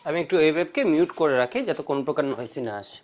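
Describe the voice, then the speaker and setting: A man's voice: a little high, rapid-fire. A man teaching an online chemistry lecture for exam prep, repeating key points again and again to drill his students.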